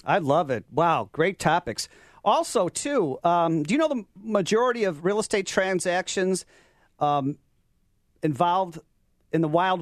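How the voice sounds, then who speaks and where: An enthusiastic male talk show host with a high voice gushes over his guests. His voice sits close and dry on the mic, with no room sound. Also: no echo. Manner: enthusiastic, gushing interviewer.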